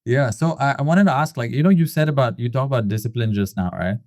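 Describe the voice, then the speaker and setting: A man's voice: mid-range voice, fast talker, darkish tone, dry recording, studio quality. A man from Singapore, hosting an interview and asking questions with hesitant fillers. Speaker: host. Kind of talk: casual interview conversation.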